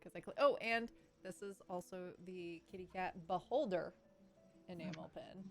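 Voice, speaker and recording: A woman's voice: lowish voice, moderate pace, creaky, over music. A woman serving as dungeon master on a live tabletop game stream, talking in a rambling, casual way with trailing fillers.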